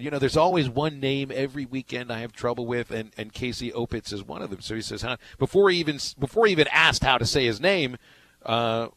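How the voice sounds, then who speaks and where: A man's voice: mid-range voice, fairly bright tone, rough recording. A man co-hosting a sports radio show, talking casually and telling rambling stories with many restarts.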